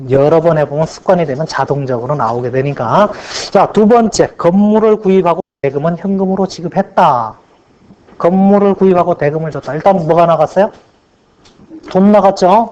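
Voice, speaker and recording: A man's voice: fairly high pitch, darkish tone, slight background noise. A man teaching an accounting class, asking the class questions and answering them himself, stretching out the key points. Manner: drawn-out stress on key points. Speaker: accounting lecturer. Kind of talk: classroom lecture. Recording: dull lo-fi lecture recording.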